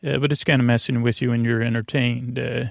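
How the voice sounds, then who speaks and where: A man with a gravelly, mid-range voice hosts a sleep podcast, delivering a flat, rambling bedtime monologue. He meanders and halts, constantly interrupting himself, trailing off, and drifting into tangents. The studio sound is clean, with no echo.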